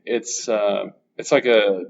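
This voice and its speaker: A man's voice: on the low side, steady tone, slow pace, vocal fry, slight background noise. Teasing man in his thirties, podcast host. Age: 30s. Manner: teasing and joking, loose with fillers. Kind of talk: casual podcast chat. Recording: muffled podcast audio.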